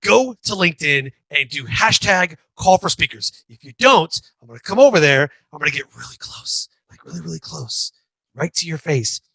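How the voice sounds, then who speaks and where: A man playing a loud, bossy drill sergeant who barks threatening orders. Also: a little high, very animated, normal speed, gravelly, no room sound, full character voice, rough recording. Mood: barking. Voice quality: shouting, threatening.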